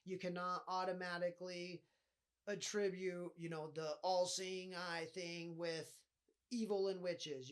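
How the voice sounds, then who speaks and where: A man's voice: high voice, smooth. A man with a nasal voice hosting a casual solo podcast, rambling and swearing often as he talks. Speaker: podcast host.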